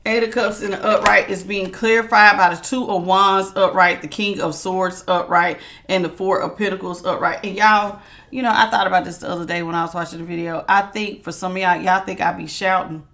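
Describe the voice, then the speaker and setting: Her mid-range voice is steady, fairly bright, and a little fast as she casually reads tarot for viewers. Strong and projecting, she speaks with emphatic authority and repeats phrases to stress them; a faint hiss or hum sits under the audio.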